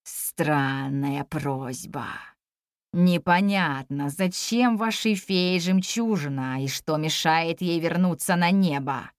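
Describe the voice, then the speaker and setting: Stern male dragon, played by a woman, growling, deep, slow, storybook reading. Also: dry recording, studio quality. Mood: grave. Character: huge stern male yellow dragon, gruff.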